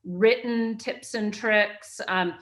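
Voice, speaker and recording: A businesswoman being interviewed speaks in a voice of middling pitch. She explains things clearly and steadily, and she keeps checking in with a quick "right?". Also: a bit bright. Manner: articulate, often adds a checking "right?". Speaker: guest executive. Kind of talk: interview answers.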